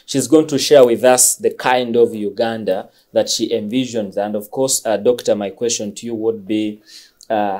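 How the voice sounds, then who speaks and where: A man's voice: medium pitch, darkish tone. A man hosting an interview, asking probing questions with frequent hesitations and murmured backchannels. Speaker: interview host.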